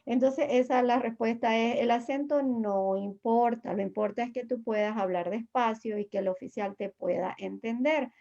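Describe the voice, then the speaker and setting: A woman's voice: a little high, steady tone, moderate pace, gravelly, hardly any pauses, dark tone, dull audio. A woman immigration lawyer giving patient, reassuring explanations as an interview guest, with many fillers and restarts.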